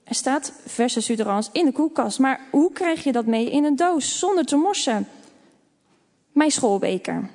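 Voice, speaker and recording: A woman reading a children's story aloud in a gentle, expressive way. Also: high voice, normal speed, few pauses. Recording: long reverb.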